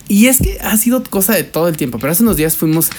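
A man's voice: fast talker, a little hiss or hum. A man with a Mexican Spanish accent co-hosting a casual podcast chat, telling stories and acting out quotes in exaggerated voices. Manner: animated storyteller, acts out quotes in high voices. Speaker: podcast co-host.

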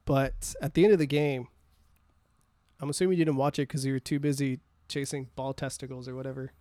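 A man's voice: mid-range voice, steady tone, fairly quick, warm tone, no echo. A man co-hosting a podcast, chatting casually about sports, blunt and teasing, swearing freely. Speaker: podcast co-host.

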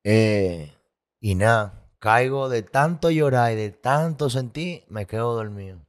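A man's voice: medium pitch, lively intonation, slow pace. A man telling his personal story as a guest, candid and emotional, with vivid sound effects and repetition.

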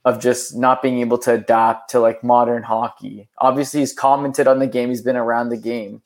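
A man's voice: medium pitch, flat delivery, moderate pace. A young man co-hosting a podcast, chatting casually about hockey and rambling with lots of filler words. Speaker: podcast co-host. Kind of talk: casual sports chat.

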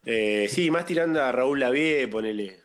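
A man with a Rioplatense Spanish accent, deadpan, telling a personal story in a casual comedic chat. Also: mid-range voice, moderate pace. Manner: deadpan, peppered with "viste".

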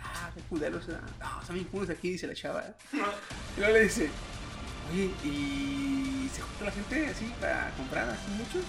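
A man's voice: high-pitched, lively intonation, normal speed, gravelly, over music. A man with a Mexican Spanish accent chatting casually, slangy and swearing a lot as he tells stories, putting on other people's voices. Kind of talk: casual chat.

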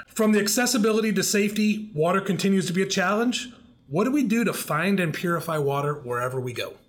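A man's voice: high voice, lively intonation, fast. Upbeat man hosting a podcast. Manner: upbeat, joking, conversational. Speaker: podcast host. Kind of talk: podcast interview.

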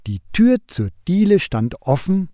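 A man hosting a radio show and reading a Christmas story aloud in a slow, expressive way. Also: sits high, dry recording, studio quality. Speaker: radio host.

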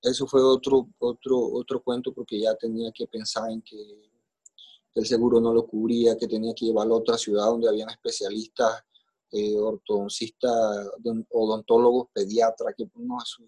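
Here a middle-aged man with a Colombian accent shares his personal history as an interview guest, talking casually. He has a mid-range, dark voice with a breathy edge and moves at a moderate pace, emotional and plainspoken, with rough slang and recurring phrases.

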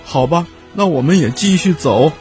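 A man's voice: a little high, lively intonation, moderate pace, darkish tone, faint music behind, close to an everyday voice. A man voicing a small, friendly boy polar bear cub in a children's story, speaking eagerly and kindly. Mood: cheerful. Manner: eager, kind and encouraging.

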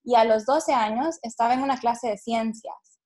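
A woman in her late twenties from Honduras, a startup CEO, speaking as an interview guest. She talks reflectively, pausing with fillers and restarting her sentences as she recalls her story. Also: fairly high pitch, mellow. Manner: reflective, many fillers and restarts, occasional laughs. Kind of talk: casual interview answers.

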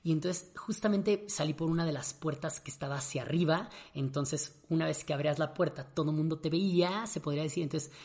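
Young man, Mexican accent, casual storytelling, slangy, lively, acts out his reactions. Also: fairly high pitch, brisk, few pauses.

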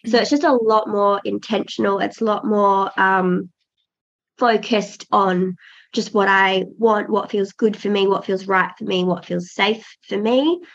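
Dull lo-fi audio captures a casual interview with a birth doula in her thirties who is pregnant. Her mid-range voice is creaky and steady, her pace measured, and as a podcast guest she comes across earnest and reflective, with frequent restarts.

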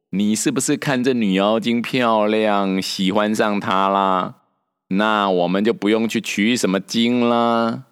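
A man's voice: lowish voice, clear, resonant tone, long reverb tail, voice pushed up. A man doing a brash, cocky monkey king. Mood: mocking. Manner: cocky, dismissive, teasing. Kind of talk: storybook character voice.

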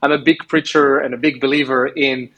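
A man's voice: mid-range voice, little pitch movement, a little fast, fairly bright tone, lo-fi sound. Hesitant man in his thirties. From France. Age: 30s. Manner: hesitant, many restarts and fillers. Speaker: podcast guest. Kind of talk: casual interview conversation. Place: remote call from an island home.

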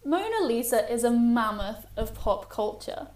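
A woman's voice: a little high, sing-song, a little slow, a little mellow. Young woman podcast host, echoey room. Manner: chatty, wry. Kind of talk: casual chat. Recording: echoey room with faint music.

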